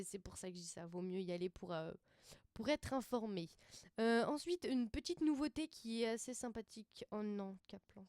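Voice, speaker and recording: A woman's voice: medium pitch, a little mellow, clear, resonant tone, dry recording, studio quality. A woman hosting a casual web radio show, rambling and hesitant with many fillers and easy laughs. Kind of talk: casual live radio chat.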